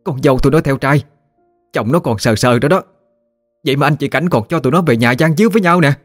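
A male storyteller voicing a shrill, accusing village mother-in-law in an audiobook story. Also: big pitch swings, fairly quick, dry recording, clean studio sound, soft background music. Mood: wailing. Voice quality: shrill, wailing. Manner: accusing, theatrical outbursts.

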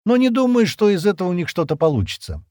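A man's voice: high-pitched, very animated, fast talker, warm tone, no room sound, clean studio sound, voice pushed up. A man reading an audiobook, voicing a cocky, bossy male spaceship pilot who talks in a curt, sneering way. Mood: calm, confident.

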